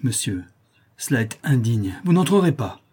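A man's voice: fairly high pitch, lively intonation, normal speed, dark tone, slightly rough, voice pushed up. A man voicing a frightened middle-aged mother who pleads and soothes. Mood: pleading. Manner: pleading, anxious.

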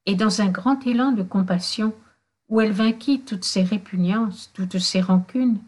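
A woman reads a classic novel aloud in measured, literary narration. Her pace is slow and deliberate. Her pitch sits in an ordinary middle range. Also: darkish tone. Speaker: audiobook narrator.

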